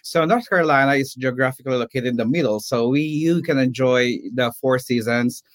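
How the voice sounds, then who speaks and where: A middle-aged man from the Philippines, a nurse and professor, talking as a guest in a casual interview with many pauses and restarts. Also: medium pitch, dry recording. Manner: hesitant, many fillers and restarts.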